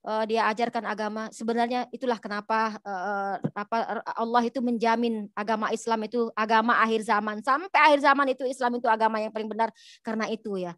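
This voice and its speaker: A woman's voice: on the high side, fairly even intonation, quick pace, fairly bright tone, dry recording, studio quality. An Indonesian woman with a lilt giving an informal religious talk as a podcast guest, telling stories with many fillers and acted-out quotes. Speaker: guest speaker.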